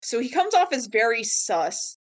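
A woman's voice: on the high side, very animated, normal speed. A woman co-hosting a podcast in loose, casual chat. She laughs often and leans on fillers and restarts as she recaps an episode with her co-host.

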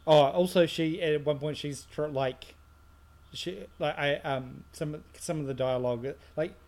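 A man's voice: a little high, measured pace. A man co-hosts a podcast, picking apart a film in casual chat. He rambles animatedly, restarting sentences as he goes. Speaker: podcast co-host. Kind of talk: casual movie review chat.

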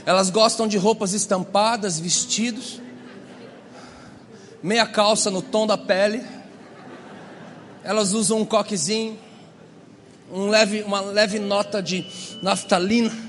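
A Brazilian man preaching a lively, humorous sermon, acting out the voices in his stories. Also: high-pitched, takes it slowly, pauses often, long reverb tail, a little hiss or hum. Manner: animated, acts out quoted voices. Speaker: pastor. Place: church hall.

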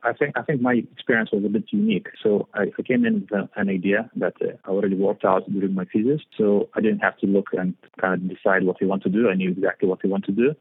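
A man's voice: fairly low pitch, steady tone, fast, hardly any pauses, husky, dry recording. A young man from Lithuania, a startup founder being interviewed, talking hesitantly with many fillers and repeated words. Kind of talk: interview conversation. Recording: tinny phone-like line.

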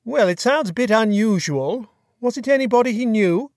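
A narrator voicing a genial, courteous aristocratic gentleman with a breezy, clipped upper-class manner, in an audiobook. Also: medium pitch, expressive, moderate pace, no echo, studio quality, pitched above the performer's own voice, natural voice.

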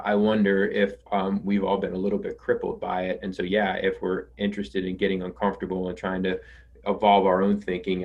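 A man's voice: low-pitched, a little mellow. A man hosting an interview, asking thoughtful questions with some hesitation and fillers. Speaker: podcast host. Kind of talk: interview conversation. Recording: slightly dull lo-fi sound.

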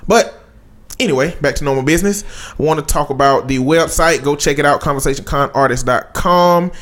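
A man co-hosting a podcast in a casual, rambling, somewhat halting way. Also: on the high side, a bit bright. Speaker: podcast co-host.

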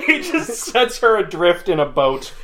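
A woman's voice: fairly low pitch, very animated, measured pace, heavy background noise. A woman in casual chat about a film, wry, laughing and swearing.

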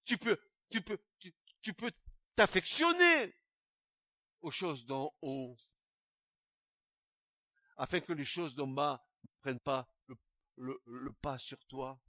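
A man preaching a sermon, animated, with stammered restarts and sudden loud outbursts. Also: mid-range voice, slow, pauses often, no room sound, clean studio sound. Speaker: pastor.

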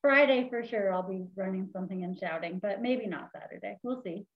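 A woman's voice: mid-range voice, brisk, phone-quality sound. A woman who works as a range officer, chatting in a playful, self-deprecating way. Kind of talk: casual chat.

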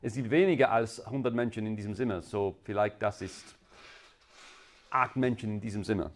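An Englishman with an English accent gives a sermon as a guest preacher. Though a native English speaker, he talks in a halting, deliberate, non-native way, his pitch fairly low.

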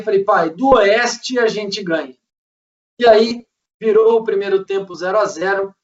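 A man's voice: high voice, fairly bright tone. A man with a Brazilian accent hosting a casual football recap and discussion. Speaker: host of a football fan show. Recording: dull, distant microphone.

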